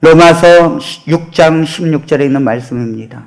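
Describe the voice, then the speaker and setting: A middle-aged man preaching a sermon, telling a folk tale with lively asides to the congregation. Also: a little high, moderate pace, gravelly. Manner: animated storytelling with asides. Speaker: pastor. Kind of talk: sermon storytelling.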